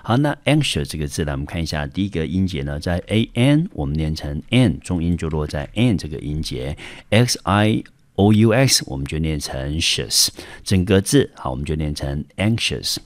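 A man teaching an English vocabulary lesson in Mandarin with a Taiwanese accent, patient and repetitive, filling pauses with short words. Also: rumbling low, big pitch swings, a little mellow, no echo. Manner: patient, repeats words and fills with "好" and "呢". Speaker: high school English teacher. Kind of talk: vocabulary lesson explaining word by word.

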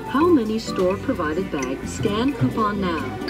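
A recorded woman's voice giving automated self-checkout prompts from a kiosk speaker in a store, in flat, evenly paced phrases. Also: medium pitch, a little slow, over loud music. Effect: recorded checkout machine prompt played through a kiosk speaker.

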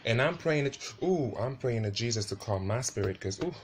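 A man's voice: medium pitch, animated, normal speed, slight background noise, natural voice. Man doing a sassy furious woman. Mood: exasperated. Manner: loud, exasperated, prayerful sighs.

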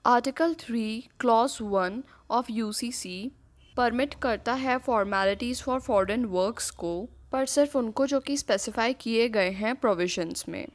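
Law lecturer, woman with an Indian accent, higher voice, steady explaining tone, slide narration. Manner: steady explanatory delivery, reads English headings slowly.

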